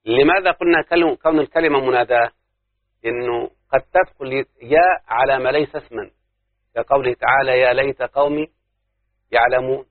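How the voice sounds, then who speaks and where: A man's voice: medium pitch, fairly quick, no room sound. Egyptian guy teaching grammar to a class, asks them stuff, tinny dry phone-ish audio. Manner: explains step by step, quizzes the class with questions. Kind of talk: classroom lesson on Arabic grammar.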